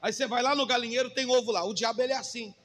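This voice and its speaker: A man's voice: very high-pitched, steady tone, rapid-fire, a bit bright, in a large hall. A man preaching as a pastor, emphatic, asking the congregation rhetorical questions. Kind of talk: sermon.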